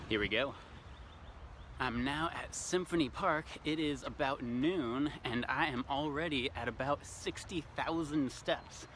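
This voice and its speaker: A young man talks cheerfully into a phone on a selfie stick while walking outside, his bright voice a little slurred from the cold. Faint traffic and street noise sit behind him. He is relaxed and chatty and laughs at himself. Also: medium pitch. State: cold face, slightly slurred speech. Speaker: vlogger. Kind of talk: casual self-filmed vlog narration. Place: outdoors on city streets.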